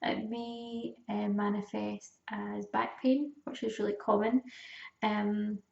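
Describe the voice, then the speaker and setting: Calm woman, gravelly, in an echoey room. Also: medium pitch, slow pace. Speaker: energy healing teacher. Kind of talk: informal spoken lesson. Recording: echoey room, distant dull mic.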